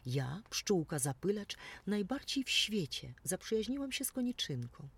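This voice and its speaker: Reader doing a soft-spoken high storybook bee, husky grain. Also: very animated, moderate pace, heavily acted. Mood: tender. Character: striped female bee, tender and tearful. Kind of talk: storybook reading.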